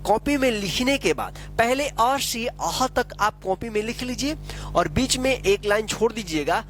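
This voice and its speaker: A man teaching a lesson, explaining slowly and patiently, often asking a question and then answering it himself. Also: very high voice, lively intonation, fairly bright tone, faint music behind. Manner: repetitive, asks questions and answers them himself; slow, patient explaining with frequent tag questions.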